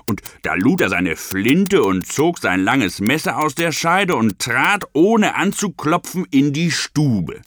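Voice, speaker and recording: Slow, lively salty sailor-style storyteller man. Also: mid-range voice. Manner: salty old-sailor yarn spinning, mock-earnest asides. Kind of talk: comic fairy-tale narration.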